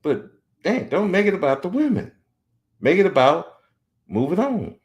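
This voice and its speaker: A high-pitched man in his forties hosts a podcast at normal speed. Animated and blunt, he shares strong opinions and sometimes mocks others while quoting them.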